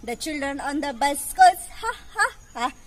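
A woman's voice: high-pitched, big pitch swings. A young woman with an Indian English accent, a pre-primary teacher singing a nursery rhyme with actions in an outdoor school garden, recorded by a camera a few metres away. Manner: slow, sing-song, with big hand gestures.

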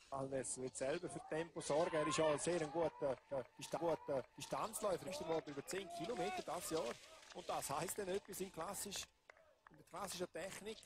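Expert co-commentator, casual. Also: male voice, a little high. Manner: casual and explanatory, with fillers. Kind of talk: analytical race commentary.

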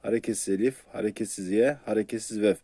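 A man gives a slow, step-by-step lesson in reading scripture aloud. His voice sits low and mellow, and he keeps asking questions and answering them. The sound is dry and close to the mic. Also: dry recording. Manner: patient, repeats syllables slowly and asks the viewers questions. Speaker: Quran reading teacher.

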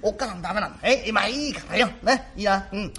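Gruff, remorseful working dad, husky and high, thick old Tokyo shitamachi talk, played by a male rakugo teller. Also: quick pace, a bit bright, heavily acted. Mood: coaxing. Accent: Tokyo shitamachi (Edo). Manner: rough, apologetic, gruff tenderness. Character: remorseful father, rough working man, tender. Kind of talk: rakugo storytelling.

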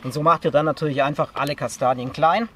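A slightly higher-pitched man in his thirties talks through a hands-on outdoor task in a relaxed, chatty way. He is recorded outdoors in a forest camp by a camera some distance away, with a faint hiss behind him. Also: fast talker. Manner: relaxed and chatty, explains step by step while working. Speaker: bushcraft instructor. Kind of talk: casual outdoor how-to demonstration. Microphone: camera a few meters off.

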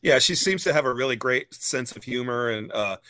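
Hosting a relaxed interview over a video call from indoors at home, a man in his fifties who is a musician muses in long, wandering sentences with plenty of fillers and restarts. His mid-range voice has lively intonation, a normal pace and a fairly bright tone. The webcam audio carries no room sound.

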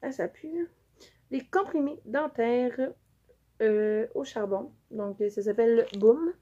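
A woman's voice: a little high, takes it slowly, mellow. A young woman with a Quebec French accent, chatting casually through a haul video with many fillers as she shows things to the camera. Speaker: vlogger. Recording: dull lo-fi audio with faint noise.

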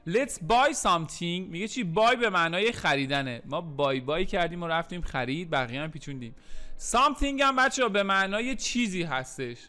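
A man teaching English in a recorded lesson, repeating English phrases slowly and then explaining them, with playful joking asides. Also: high-pitched, lively intonation, pushed and bright. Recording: faint music underneath.

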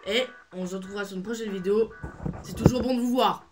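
A man's voice: high-pitched, steady tone, fast talker. A teenage boy hosting a video, giving rambling, playful commentary on a game with many hesitations. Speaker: gaming video host. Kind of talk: casual gameplay commentary. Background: game music.

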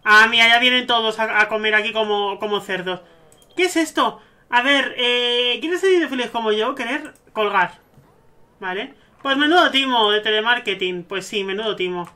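A man with a Spain Spanish accent giving gushing, excitable let's-play commentary over a life-sim game. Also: very high-pitched, normal speed. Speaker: gaming streamer.

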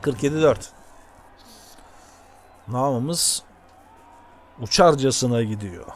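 A man giving casual, excitable commentary while playing a video game, often shouting at it. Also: medium pitch, extremely slow. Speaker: gameplay commentator.

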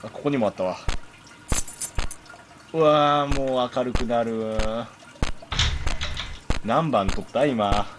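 A man's voice: medium pitch, a little slow, pauses often, background noise. A man commentating a horror game, jumpy and chatty, bickering with the game. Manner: jumpy, talks back at the game with jokes and complaints.

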